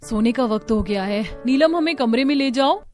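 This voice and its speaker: A woman with a fairly high voice acts out the figures of an animated family story. She switches between them in an expressive, dramatic manner, with light music running underneath. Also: moderate pace. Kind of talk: cartoon story voice acting.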